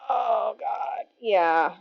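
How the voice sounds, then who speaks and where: A woman's voice: mid-range voice, drawn-out words, vocal fry, slightly rough, lo-fi sound. A woman hosting a cooking livestream, chatting casually with viewers and answering their messages with giggles.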